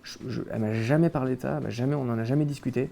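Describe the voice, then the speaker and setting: A man's voice: medium pitch, racing, creaky, mellow. A young man from France, a guest in a casual interview, recounting his childhood with many hesitations and restarts.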